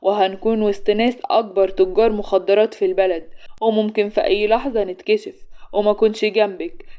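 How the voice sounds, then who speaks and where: A woman's voice: medium pitch, steady tone, a little fast, mellow, natural voice. A woman with an Egyptian accent voicing a commanding, mocking young man who teases and orders a young woman around in a spoken story. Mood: forceful. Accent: Egyptian Arabic. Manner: sly, commanding, teasing.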